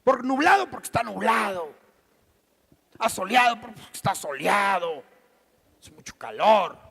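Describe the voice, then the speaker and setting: Middle-aged Mexican-accented pastor, very high voice, lively sermon delivery in a reverberant church hall. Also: male voice, measured pace, vocal fry, crowd noise. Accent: Mexican Spanish. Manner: animated preaching, acting out quoted voices.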